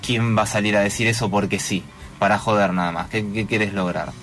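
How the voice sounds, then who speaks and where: A radio guest, a man with a Rioplatense Spanish accent and a somewhat low voice. He keeps hesitating and restarting, and his pace is uneven. Faint music plays behind him. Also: steady tone, a little fast, a bit bright. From Argentina. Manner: hesitant, many fillers and restarts. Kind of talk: radio talk, recounting school events.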